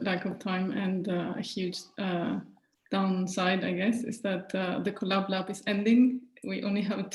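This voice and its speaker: Hesitant woman on a call, raspy fry voice, roomy echo. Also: medium pitch, a little mellow. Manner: hesitant, many fillers. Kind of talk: casual video call chat. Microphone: video call. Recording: echoey room on a call.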